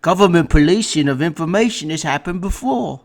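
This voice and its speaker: A man hosting a political commentary show, delivering mocking jokes in a sarcastic, deadpan way. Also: on the high side, a little fast, music in the background.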